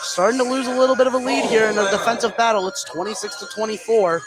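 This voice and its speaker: Over loud music and a rough recording, a high-pitched man calls a basketball game live, his tone steady and his pace quick. He speaks in short present-tense bursts that follow the play, with clear gymnasium ambience underneath.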